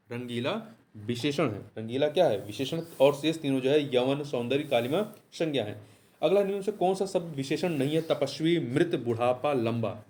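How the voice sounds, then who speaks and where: A man teaching an exam prep lesson, going through test questions step by step and repeating answers and rhetorical questions. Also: mid-range voice.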